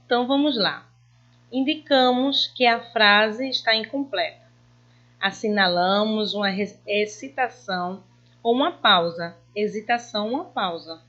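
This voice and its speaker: Slow, patient woman teacher. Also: mid-range voice, a bit bright, muffled recording. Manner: slow, patient, reads examples with drawn-out emphasis. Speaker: primary school teacher. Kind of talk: online lesson for children.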